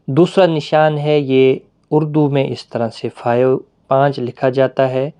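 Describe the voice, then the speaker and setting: A man teaching a Quran reading lesson, explaining patiently with pauses and drawn-out fillers. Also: mid-range voice, level tone, warm tone, clean tone.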